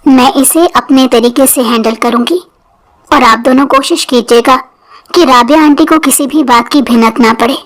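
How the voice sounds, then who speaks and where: A woman voicing a soft-spoken young bride. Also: high-pitched. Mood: gentle. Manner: soft and gentle. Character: young bride, patient and gentle.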